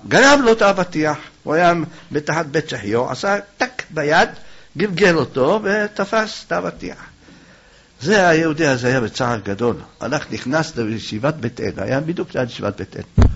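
A man's voice: on the high side, breathy edge. A man preaching, telling a folk tale with acted-out voices, then auctioning candles. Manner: animated storyteller, acts out shouting voices. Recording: dull lo-fi recording.

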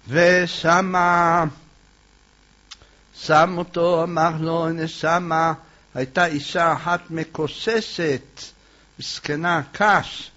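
A man teaching a religious lesson as an animated storyteller, asking questions and speaking straight to his listeners. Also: on the high side. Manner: animated storyteller who asks questions and addresses listeners directly. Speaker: rabbi teaching a Torah lesson. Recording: dull lo-fi recording.

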